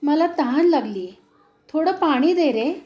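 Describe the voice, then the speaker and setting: A tearful little sparrow from a storybook, hurt and pleading, as a woman puts her on. The voice sits high and mellow, and the plaintive lines come slowly. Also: animated, a little hiss or hum. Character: poor injured little female sparrow, tearful.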